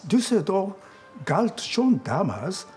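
Older man, slow and thoughtful. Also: sits high, big pitch swings, faint music behind. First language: Japanese. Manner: slow, thoughtful, with soft laughs. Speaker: interviewee.

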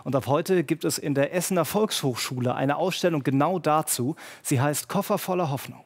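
A man presenting regional TV news in a brisk, clear newsreader manner. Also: on the high side. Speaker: news anchor.

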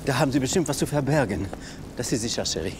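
A man's voice: mid-range voice, lively intonation, fast talker, background noise, natural voice. An actor playing a playful, flirty man gossiping with a colleague in a screen drama. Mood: sly, boastful.

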